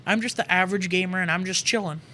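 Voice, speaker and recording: A man's voice: sits high, fairly even intonation, quick pace, bright, forceful tone, a little hiss or hum. A young man hosting a casual gaming podcast, rambling and joking with self-mocking asides. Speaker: podcast host.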